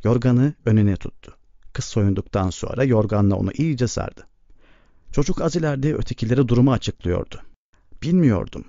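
A man narrating an audiobook in a measured, even storytelling manner. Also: medium pitch, gravelly, no room sound. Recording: dull lo-fi recording.

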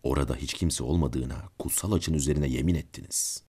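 A man's voice: a bass voice, brisk, mellow, breathy edge. A man voicing a cold, controlling nobleman count in a storybook reading, giving stern commands.

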